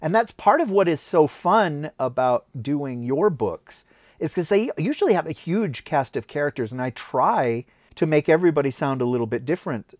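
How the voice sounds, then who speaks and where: An American audiobook narrator chats about a trip in a relaxed podcast conversation. The voice moves a lot in pitch, with laughs slipping into the telling. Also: normal speed. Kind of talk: casual podcast chat.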